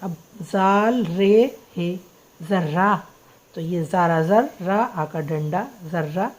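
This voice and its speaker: A woman's voice: lowish voice, slow, a little mellow, poor audio. A woman teaching Urdu script, patiently spelling out words letter by letter. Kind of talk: slow spelling-out lesson.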